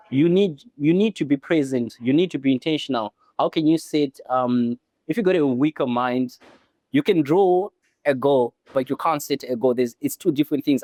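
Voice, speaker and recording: Male podcast guest, confident and direct, mid-pitched, dry close sound. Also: a little mellow, dry recording. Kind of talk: casual podcast chat.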